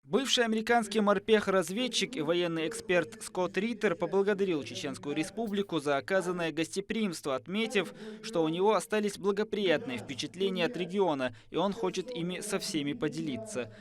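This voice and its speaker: A man reads scripted news narration as a reporter, in formal sentences. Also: fairly high pitch.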